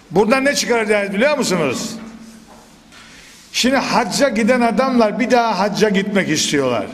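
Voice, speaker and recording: A high-pitched man speaks into a pulpit microphone, his voice leaping and swooping as he teaches. He keeps throwing sharp emphatic bursts and checks on his listeners. A long hall reverb trails every phrase. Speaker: preacher teaching Quran commentary. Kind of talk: commentary lesson from a pulpit.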